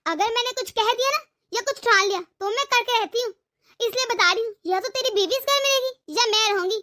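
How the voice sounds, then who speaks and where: A woman's voice: extremely high pitch, brisk, bright, forceful tone. A woman voicing a stubborn, domineering older mother-in-law in a cartoon, scolding and threatening. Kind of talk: cartoon voice acting.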